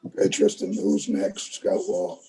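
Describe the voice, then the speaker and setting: A hoarse man with a rough, gravelly voice, patiently leading a youth troop meeting over a video call from a tablet. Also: measured pace, mellow, slight background noise, rough recording. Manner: patient, instructive, checks that he is understood. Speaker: scout troop leader.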